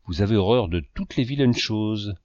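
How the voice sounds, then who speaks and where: Scheming self-pitying suitor, voiced by a male reader, insistent, flattering, low voice. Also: normal speed, dry recording, natural voice. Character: scheming, self-pitying grown man, a would-be seducer. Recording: dull lo-fi dry recording.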